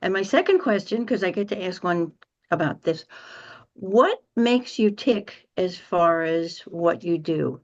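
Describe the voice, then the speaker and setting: A woman co-hosting a podcast interview, speaking in an unhurried, complimentary way. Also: on the low side, animated, highs cut off. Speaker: podcast co-host.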